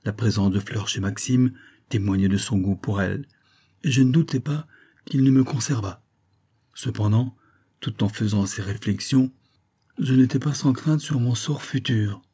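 A man reading a classic short story aloud as an audiobook, in a measured storytelling manner. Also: lowish voice, mellow, slightly rough. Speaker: audiobook reader. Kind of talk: scripted literary narration.

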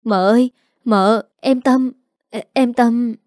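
A woman's voice: a little high, fairly quick, mellow, no echo, studio quality, natural voice. A woman voicing a young female servant girl in a storybook, stammering and frantic. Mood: panicked.

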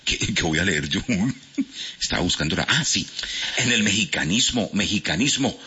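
A man's voice: deep voice, lively intonation, normal speed, pushed and bright, husky. A man with a Cali Colombian accent hosting a radio quiz in a playful, casual way, reading out listener answers and poking fun at himself. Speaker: radio host. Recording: dull lo-fi radio sound with faint music.

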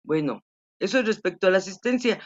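A woman teacher patiently explaining class rules to students during an online class, repeating points to make them clear. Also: medium pitch, lively intonation, fast. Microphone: video call. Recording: dull lo-fi video call audio.

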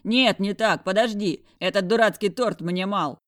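An audiobook reader voicing a huge bearded man, loud and hoarse, who proposes marriage. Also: sits high, moderate pace, no room sound, clean studio sound, pitched above the performer's own voice. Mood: playful shouting.

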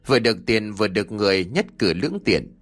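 Man, audiobook narrator, expressive, lively, animated pitch. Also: quick pace. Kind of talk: audiobook storytelling.

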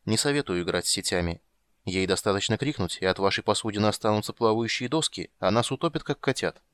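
A man voicing a weary, patient monster hunter who speaks calmly and dryly. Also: on the low side, fast talker, dry recording.

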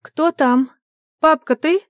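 A high, squeaky young girl, as a woman narrator puts her on, quick and eager in her questions. She sounds bright and sly in a dry, close-up audiobook reading. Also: no room sound.

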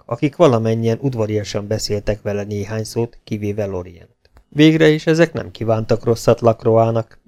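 A man reading an adventure novel aloud in a steady, measured audiobook narration. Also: lowish voice. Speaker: audiobook reader.

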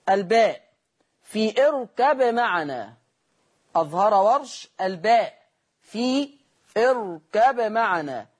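A husky-voiced, middle-aged Egyptian sheikh gives a broadcast lesson on Quran recitation. He explains each rule in a colloquial Egyptian accent and recites the examples slowly, stretching the words out. Every so often he speaks straight to his students in quick asides. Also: extremely high pitch. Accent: Egyptian Arabic.

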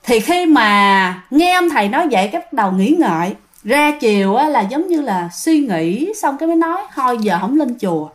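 A woman's voice: high voice, very animated. Chatty Southern Vietnamese woman storyteller. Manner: chatty, drawn-out, addresses listeners often. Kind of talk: ghost story narration.

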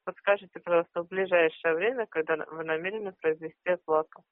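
A woman's voice: fairly low pitch, fairly even intonation, fast talker, no room sound. A woman working as a debt collector on a phone call, speaking in a formal, persistent manner. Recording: tinny, narrow-band phone line.

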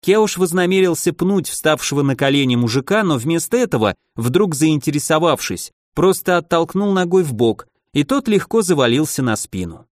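Male fantasy audiobook reader, wry measured delivery, dry studio sound. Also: on the high side, very animated, dry recording. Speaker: audiobook narrator. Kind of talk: scripted fantasy audiobook narration.

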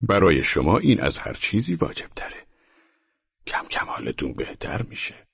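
A man's voice: low-pitched, wildly swooping pitch, creaky, slightly rough, dry recording, dull audio, voice pushed up, full character voice. A man voicing a cruelly sarcastic male neighbor who mocks a helpless captive in an audiobook. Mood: mocking. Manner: sneering and mock-soothing, slow in parts.

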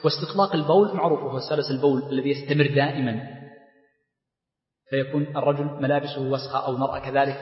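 A man's voice: medium pitch, steady tone, rapid-fire. A man who is a sheikh teaching Islamic law, explaining a legal text in class, repeating key terms and reading out passages before commenting on them. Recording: echoey lecture hall, dull lo-fi sound.

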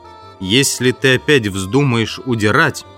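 A man's voice: mid-range voice, measured pace, a bit bright, soft background music, close to an everyday voice. A man voicing a menacing invisible man who gives curt, threatening commands, in an audiobook.

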